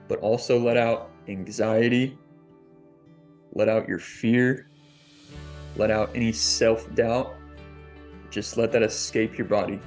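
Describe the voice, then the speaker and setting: A fitness coach guides a guest through a meditation on a podcast, speaking slowly and deliberately. His voice is mid-range with a darkish tone.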